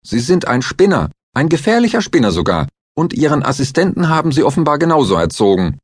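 A man's voice: lowish voice, moderate pace, slightly rough, no room sound, clean studio sound, voice pushed up. A man voicing a coarse, overweight male lawyer who whines and curses indignantly, in an audiobook thriller. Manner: whiny, indignant, cursing.

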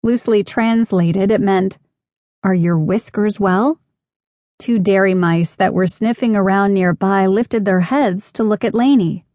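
A woman narrating a children's audiobook in a gentle, measured storytelling manner, on a close studio mic. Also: mid-range voice, no room sound.

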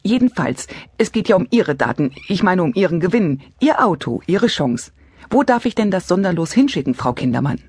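A woman's voice: on the low side, big pitch swings, moderate pace, a little mellow, breathy edge, pitched above the performer's own voice. A woman reading an audiobook, voicing a naive, chatty young call-center girl who prattles in slang. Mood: eager. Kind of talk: audiobook character voice.

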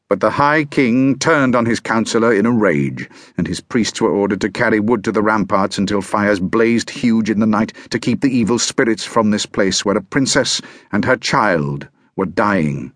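A man narrating a historical novel audiobook in a measured, grave first-person storytelling manner. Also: on the low side, expressive, a bit bright, no room sound, studio quality.

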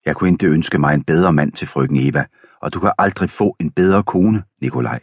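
A man's voice: very deep voice, husky, no room sound, full character voice. Man doing a dignified old craftsman. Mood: wry. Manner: dry, teasing. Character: dignified, self-assured older master turner.

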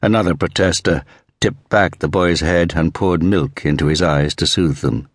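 Low-voiced guy narrating a thriller audiobook, dry close sound. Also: moderate pace, dry recording. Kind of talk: scripted narration.

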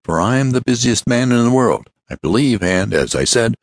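A man doing a short, stout, fussy little businessman who talks in a breathless, boastful rush, well above the reader's own deep voice. The tone is husky and swings widely in pitch, and the recording is close and dry. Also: expressive, no echo. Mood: rapid pitch. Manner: rapid, breathless, boastful chatter.

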